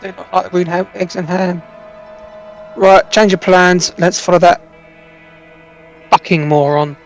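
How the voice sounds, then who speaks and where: A man's voice: sits high, monotone, a little slow, gravelly. A man playing a tabletop role-playing game, talking casually in a blunt, heavily sweary manner. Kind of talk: casual role-play chat. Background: music.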